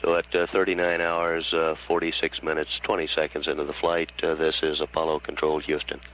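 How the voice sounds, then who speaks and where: Deep, monotone male mission control announcer. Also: low-quality recording. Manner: halting, hesitant delivery full of pauses. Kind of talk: formal mission status announcement. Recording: faint hum on archival broadcast line.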